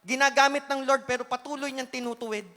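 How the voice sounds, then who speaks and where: High-voiced man preaching in a reverberant hall. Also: fairly even intonation, brisk. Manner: earnest, swings between loud pleading and hushed asides. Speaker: church speaker giving testimony. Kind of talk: emotional sermon testimony.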